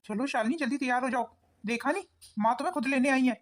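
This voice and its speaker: A woman's voice: high-pitched, fast talker. A woman voicing a young husband in a cartoon, easygoing and teasing. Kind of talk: cartoon voice acting.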